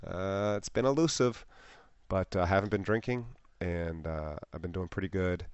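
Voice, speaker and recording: A man hosting a casual podcast, a stand-up comic who talks in a relaxed way with lots of "uh" fillers. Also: sits low, moderate pace, clean tone, no room sound, dull audio.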